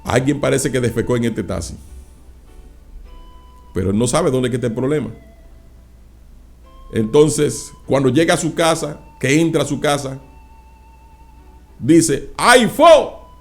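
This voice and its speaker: A male pastor preaching a sermon, dropping frequent interjections of praise and acting out anecdotes with loud exclamations. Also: mid-range voice, normal speed, creaky, long pauses, soft background music.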